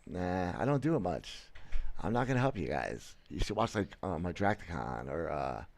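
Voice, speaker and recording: A gaming streamer in his thirties gives casual livestream commentary from a small room, seated on a headset mic and framed by a webcam. His low voice is very animated, creaky, and a little mellow at normal speed. He talks bluntly and boastfully, with many restarts and stammers.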